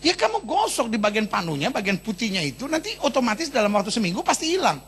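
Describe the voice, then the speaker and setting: A man voicing a matter-of-fact male doctor who speaks in a brisk, raised way. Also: sits high, wildly swooping pitch, a bit bright, breathy edge, in a large hall, pitched above the performer's own voice, full character voice.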